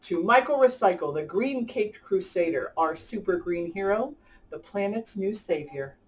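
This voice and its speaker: At normal speed and with lively intonation, a mid-range female voice leads children's story time, enthusiastically reading a picture book and chatting directly to the kids. The recording is distant and carries a little hiss or hum.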